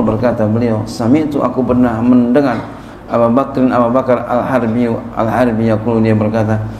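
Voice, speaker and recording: Kiai teaching in an echoey hall. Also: male voice, mid-range voice, darkish tone, slight background noise. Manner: reads Arabic then explains in casual Jakarta-style Indonesian. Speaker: kiai teaching a classical text. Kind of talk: sermon-style kitab study. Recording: echoey room with faint ambience.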